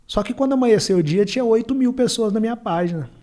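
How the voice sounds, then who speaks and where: This Brazilian entrepreneur, once a beach water vendor, talks fast in a very high, mellow voice with lively intonation. As a podcast guest he tells a personal story emphatically and colloquially, playing out the dialogue.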